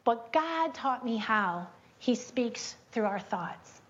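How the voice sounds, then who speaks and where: A woman giving a chatty, animated devotional teaching, breaking into spoken prayers to God. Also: slow pace. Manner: chatty and animated, prays aloud with rising pitch. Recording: dull lo-fi recording.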